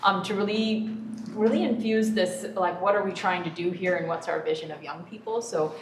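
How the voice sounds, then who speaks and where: A woman superintendent speaking at a board meeting, deliberate and full of pauses and ums. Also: fairly low pitch. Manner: hesitant, many ums, deliberate. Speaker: school superintendent. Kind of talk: public board meeting remarks. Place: echoey board meeting room. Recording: echoey room, distant mic, faint noise.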